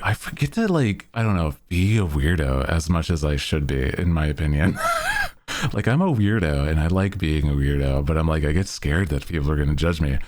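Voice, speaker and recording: With a deep, darkish voice, a man running a VTuber livestream rambles casually with his viewers, joking and poking fun at himself.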